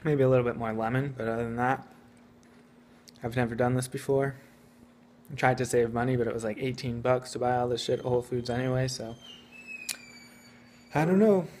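Offhand deadpan man cooking at home. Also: mid-range voice, fairly quick, long pauses, slight background noise. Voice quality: offhand, self-mocking deadpan. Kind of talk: casual deadpan cooking vlog. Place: home kitchen, indoors. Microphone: phone camera held at arm's length.

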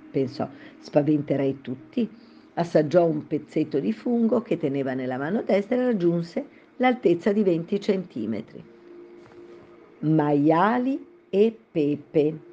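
Low-pitched woman storyteller, mellow and steady, on a slightly dull recording. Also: slight background noise. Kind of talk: storybook narration.

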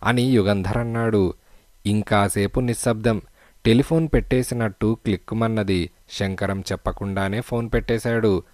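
A man narrating a detective story audiobook in a steady, measured reading. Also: fairly low pitch, dry recording, studio quality.

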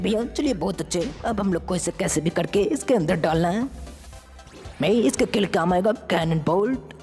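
A woman's voice: lowish voice, darkish tone, natural voice. A woman voicing an earnest young male hero in a fan-made game story, talking to himself as he goes. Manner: eager, earnest, talks to himself while acting. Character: brave young male hero who turns into aliens. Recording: reverberant with faint music.

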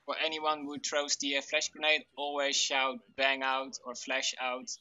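Man, team leader, very bright forceful voice, hesitant tactical briefing, dull voice-chat audio. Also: medium pitch, monotone, a little slow. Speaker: team leader in military game. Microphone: gaming voice chat.

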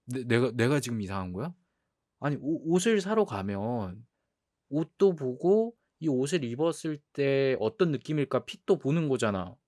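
A man playing a playful, defensive young boyfriend in a role-play ASMR audio drama, talking haltingly and repeating his words as he protests. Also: medium pitch, big pitch swings, darkish tone, dry recording, clean studio sound, natural voice. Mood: flustered, protesting.

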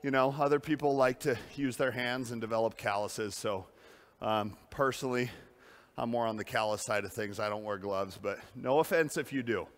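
A man works as a personal trainer, coaching while lifting in a gym with the acoustics of a large hall. He speaks at a moderate pace with a medium-pitched voice, staying upbeat but winded between sets.

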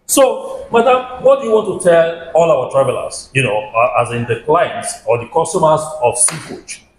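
A man's voice: on the high side, lively intonation, moderate pace, slight background noise. Upbeat man interviewing in an echoey room. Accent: West African English. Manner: upbeat, repeats answers back to guests. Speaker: travel vlogger interviewing staff. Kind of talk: on-location interview vlog. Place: indoor restaurant and office.

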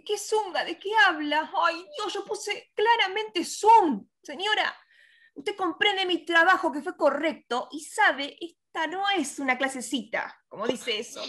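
A woman's voice: very high voice, expressive, unhurried, fairly bright tone, exaggerated voice. A woman playing a fussy, formal office secretary who gets flustered. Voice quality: prim, formal and easily flustered. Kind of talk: amateur theatre play over video call.

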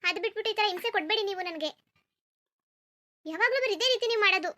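A woman's voice: very high voice, sharp tone. A woman voicing a lazy, sleepy young wife in a cartoon, complaining and stubbornly refusing to get up. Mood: whiny. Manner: complaining, stubborn, rapid-fire. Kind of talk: cartoon voice acting.

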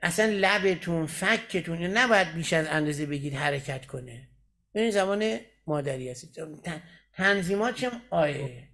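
A man with a high voice leads a recitation lesson. He breaks each point down step by step and keeps asking his students whether they have understood. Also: lively intonation, pushed and bright. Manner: explains step by step and keeps checking "got it?". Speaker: Quran recitation teacher. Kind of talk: lecturing in a recitation class.

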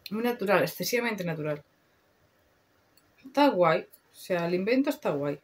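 A woman's voice: on the low side, animated, moderate pace. A young woman with a Spain Spanish accent, chatting casually and slangily through a makeup review, swearing freely. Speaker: beauty vlogger.

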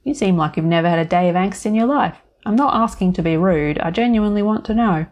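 A woman's voice: medium pitch, fast, a little mellow, dull audio, natural voice. A woman voicing a brooding, mysterious young man who speaks earnestly and a bit prickly.

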